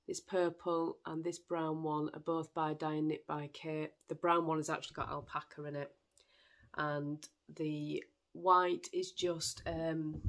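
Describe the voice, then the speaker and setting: Woman, podcast host, casual self-mocking chat at home. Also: deep voice. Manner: chatty, self-deprecating storytelling.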